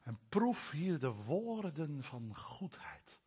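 A male preacher with a husky, fairly high voice delivers a sermon. He moves between quiet, low remarks and ringing, raised declarations, taking his time over the words. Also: slow. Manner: animated, swings from soft low asides to loud raised declarations.

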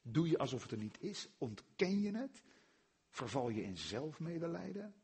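A man with a Netherlands Dutch accent preaching a sermon, firing rhetorical questions and swinging from hushed tones to loud emphasis. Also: on the high side, big pitch swings, normal speed, slightly rough.

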